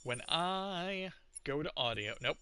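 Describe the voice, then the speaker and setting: A man's voice: a little high, lively intonation, slow, bright, forceful tone, clear, resonant tone, no echo. A man doing casual live game-stream commentary, chatting and thinking aloud as he plays. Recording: music behind the voice. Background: music.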